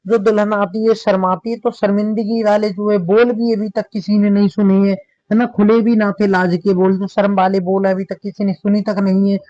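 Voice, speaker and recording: A male teacher explains classical poetry in a grammar lesson. He recites each verse slowly and deliberately, then breaks it down in plain chatty talk, often pausing to check that listeners follow. The recording is dry and sounds dull, lacking top end. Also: high voice, flat delivery, mellow, no room sound.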